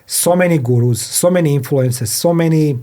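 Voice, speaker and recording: A man with a fairly high, mellow voice hosts a studio podcast interview, introducing his guest and asking questions. English is not his native language, so he halts and says his phrases more than once.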